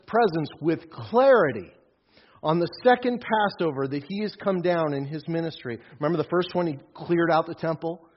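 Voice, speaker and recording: Husky-voiced man preaching emphatically. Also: on the high side. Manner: emphatic preaching with repeated phrases. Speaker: pastor. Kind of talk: sermon. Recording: dull lo-fi recording.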